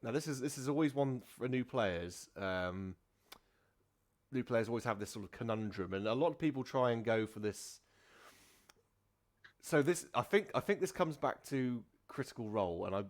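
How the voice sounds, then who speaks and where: A man's voice: mid-range voice, animated, normal speed. A man hosting a casual tabletop gaming podcast as the dungeon master, rambling with many fillers and restarts.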